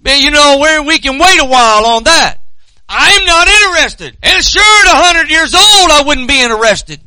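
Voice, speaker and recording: Casting: male preacher, forties, Southern US accent, very high forceful voice, folksy storytelling sermon delivery. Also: big pitch swings, normal speed, dry recording. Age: 40s.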